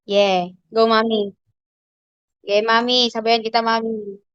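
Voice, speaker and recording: A woman's voice: fairly high pitch, flat delivery, takes it slowly, a bit bright, clean tone, no echo. A woman chatting casually and eagerly cheering on a friend. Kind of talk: casual chat. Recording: dry, dull lo-fi sound.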